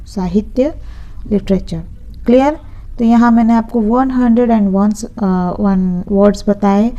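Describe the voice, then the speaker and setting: Gravelly-voiced woman teaching vocabulary. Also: medium pitch, warm tone, dull audio. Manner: patient, repeats words and spells them letter by letter. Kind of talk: exam-prep lesson.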